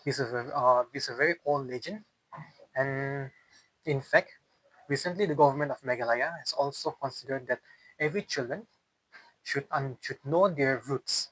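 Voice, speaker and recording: During an interview, a man speaking with a Northeast Indian accent tells a folk tale unscripted, frequently repeating and rewording as he explains. His medium-pitched voice is a bit bright, and the poor-quality audio has no room sound.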